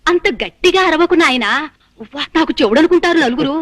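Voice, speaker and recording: A woman's voice: high voice, animated, fairly quick. An actress playing an ailing, hard-of-hearing old mother who complains and fusses in a film comedy. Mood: complaining. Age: older. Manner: plaintive, fussing, scolds gently. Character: old sickly mother, half-deaf and complaining. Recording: film soundtrack with music under.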